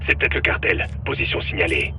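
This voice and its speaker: An actor playing a gruff ground soldier on the radio in a military video game. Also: male voice, fast talker. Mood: tense, alert. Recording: radio chatter under very loud battle noise.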